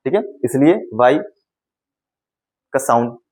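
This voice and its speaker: A young man, an English teacher giving a phonics lesson, saying each sound slowly and repeating it several times. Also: medium pitch, darkish tone, low-quality recording.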